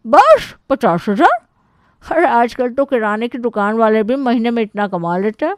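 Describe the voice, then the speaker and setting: A woman voicing a loud, bossy older aunt who asks blunt, nosy questions in a mocking way. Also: fairly high pitch, sing-song, normal speed, dry recording, studio quality, pitched above the performer's own voice.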